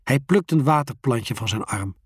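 A storyteller reading a children's story aloud, slowly and expressively. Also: medium pitch, a little hiss or hum. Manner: slow, expressive.

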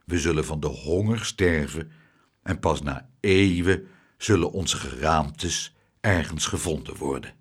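A man doing a gloomy, ponderous old-fashioned gentleman. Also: rumbling low, slightly rough, voice pushed down, exaggerated voice. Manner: slow, drawn-out doom-laden musings. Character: anxious gloomy middle-aged gentleman, ponderous, easily panicked. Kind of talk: storybook reading.

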